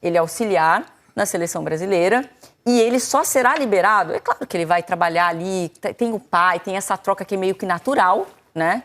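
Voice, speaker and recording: In a studio discussion, a woman presents and sums up football news in a brisk, medium-pitched voice with a fairly bright tone. As a sports TV presenter, she explains things at length, paraphrasing and summarizing as she goes.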